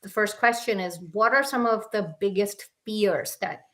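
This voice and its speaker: A woman's voice: mid-range voice, normal speed, a bit bright. A young woman hosting a live interview show over a video call, friendly and repeating words for emphasis. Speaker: podcast host.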